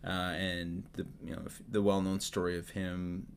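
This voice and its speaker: A man co-hosting a podcast, casually teaching Bible stories with jokes and quick acted-out quotes. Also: deep voice, a little hiss or hum. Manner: relaxed, joking, acts out quotes. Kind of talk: casual Bible study chat.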